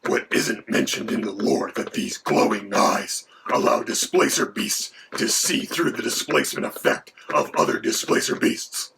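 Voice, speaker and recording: A man voicing a menacing male dragon who co-hosts, with a gravelly, whispery voice. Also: medium pitch, lively intonation, moderate pace, few pauses. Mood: matter-of-fact. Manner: mock-menacing, then lecturing in turn with the host. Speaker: co-host. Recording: background noise.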